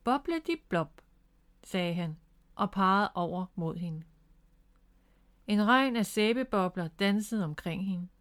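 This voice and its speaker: A woman's voice: mid-range voice, long pauses, a bit bright. Danish woman reading a kids' story. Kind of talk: reading a children's book aloud.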